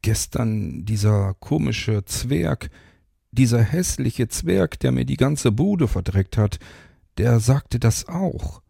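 A man's voice: medium pitch, expressive, slow pace, vocal fry, mellow, slightly rough, dry recording, studio quality, pitched above the performer's own voice, exaggerated voice. A man voicing a shy, easily flustered young woman, speaking in a raised, questioning way. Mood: indignant.

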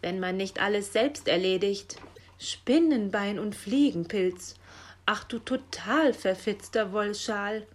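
A woman voicing a stern, bossy male raven official in a children's story, gruff and commanding, squawking "Kra" between sentences. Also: mid-range voice, takes it slowly.

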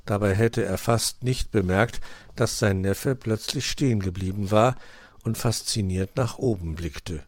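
A man's voice: fairly low pitch, a little slow, no room sound. A man narrating a children's animal story in a scripted style.

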